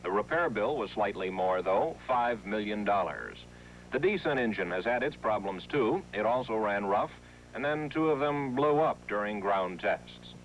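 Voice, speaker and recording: A man's voice: on the low side, lively intonation, moderate pace. An American man reading a scripted television news report as a correspondent. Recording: noisy vintage 1960s TV broadcast, hum.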